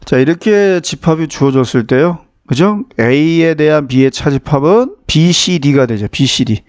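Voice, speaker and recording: In a classroom math lecture, a man walks students through each step and frequently checks that they are following. His voice is a little high and animated, slow in pace with a darkish tone.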